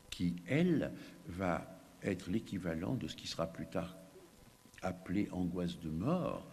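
A man, a child psychiatrist, gives an animated, emphatic conference lecture with asides to the audience. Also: deep voice. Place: lecture hall. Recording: long hall reverb, faint background noise.

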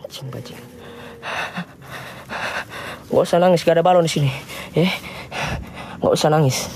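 A man's voice: a little high, fairly even intonation, fast talker, a little mellow, slight background noise. A young man hosting a night ghost-hunting vlog in an abandoned house, taunting the spirits and muttering prayers.

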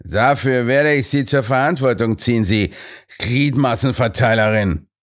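A man's voice: medium pitch, normal speed, voice pushed up, lightly acted. A man voicing an impatient male politician who grumbles and whines sulkily. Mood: grumbling. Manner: whiny, sulky.

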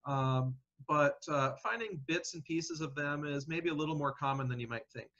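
A man's voice: on the high side, moderate pace, bright, forceful tone. A man, a paleontologist guest, answering questions in a casual interview, thinking aloud with many fillers and restarts. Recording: dull lo-fi audio.

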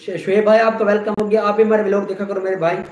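A man's voice: high voice, little pitch movement, fast, darkish tone, reverberant. A man from Sindh, Pakistan, hosting a casual live stream, greeting viewers by name and teasing them affectionately. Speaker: live-stream host reading viewer comments.

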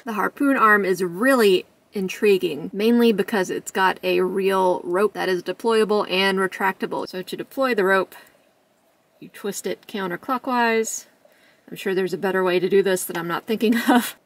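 A woman's voice: mid-range voice, normal speed, no echo, recorded from a distance. A woman reviewing toys in a chatty, jokey way, laughing often. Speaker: toy reviewer. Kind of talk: casual toy review.

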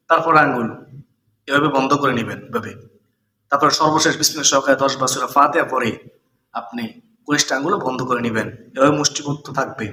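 A man speaks with a somewhat high voice, patiently explaining a religious practice step by step. The room around him sounds echoey, and a faint background hum sits under his words. His delivery is a plain, instructive address to the listener. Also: pushed and bright. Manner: slow, drawn-out chanting of prayers, then plain explaining. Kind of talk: spoken religious instruction with chanted Arabic recitation.

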